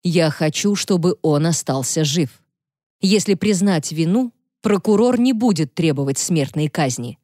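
A woman's voice: on the low side, animated, measured pace, warm tone, dry recording, studio quality. A grave defense lawyer, as a woman reads him. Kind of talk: audiobook reading.

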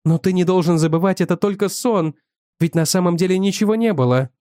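A man's voice: sits high, brisk, dark tone, smooth, dry recording, studio quality, voice pushed up, close to an everyday voice. A man voicing a young wife who pleads and defends herself in a tense argument with her husband, in an audiobook reading. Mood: defensive. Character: young adult wife, sleepy then irritated.

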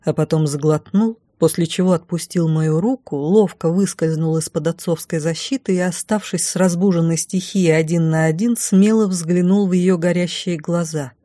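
A woman narrating a first-person fantasy audiobook in a measured, calm way. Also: lowish voice, no room sound, studio quality.

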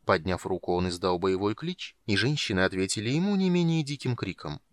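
A man narrating a fantasy audiobook with a lively, dramatic delivery. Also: lowish voice, fairly quick, dry recording, studio quality. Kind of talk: expressive fantasy audiobook reading.

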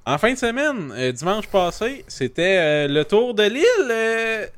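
A man's voice: high voice, very animated, a little slow, fairly bright tone, clean tone, no room sound. A young man with a Quebec French accent chatting casually on a podcast, rambling and swearing casually, often putting himself down. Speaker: podcast co-host. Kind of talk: casual chat.

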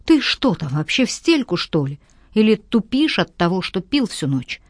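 A woman voicing an upset young woman who nags and reproaches in a high, whiny tone, in an audiobook. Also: big pitch swings, normal speed, no echo, clean studio sound. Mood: shrill angry. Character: upset young woman, tearful and sharp-tongued.

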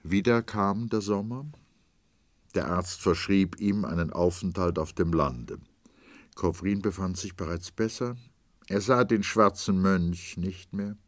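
A man narrating a literary story as an audiobook, reading expressively and dramatically, dropping to a hush at times. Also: low voice, a little slow, no echo.

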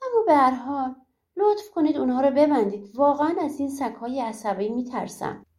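A scheming old hag from a folk tale, put on by a woman storyteller, her voice lifted high yet mellow and soft-edged. She wheedles and menaces in the same breath. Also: natural voice. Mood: pleading. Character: cunning old hag, giant mother, menacing.

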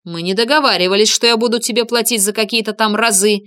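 A woman's voice: a little high, quick pace, a bit bright, close to an everyday voice. Woman reading as a grumpy lanky male detective. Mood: indignant. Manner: indignant, scolding. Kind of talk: audiobook character reading.

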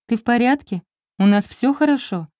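A woman's voice: a little high, expressive, moderate pace, a little mellow, no echo, studio quality, pitched above the performer's own voice, lightly acted. A woman reading an audiobook, voicing an anxious, tearful young wife in an emotional, pleading tone.

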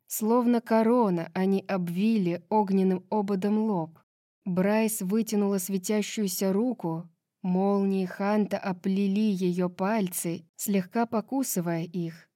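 Woman audiobook narrator, fantasy novel, slow measured reading, mellow tone. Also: mid-range voice, fairly even intonation, no echo, clean studio sound.

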